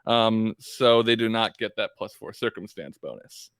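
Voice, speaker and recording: A man playing a tabletop game, explaining his moves casually and haltingly as he thinks aloud. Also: fairly low pitch, fairly bright tone, clear, resonant tone, no echo.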